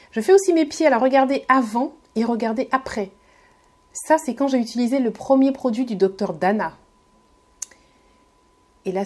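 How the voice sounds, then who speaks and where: Woman, beauty vlogger, casual tutorial, slightly high voice, hesitant, lots of fillers. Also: darkish tone. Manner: hesitant, many fillers and restarts; friendly, addresses viewers directly.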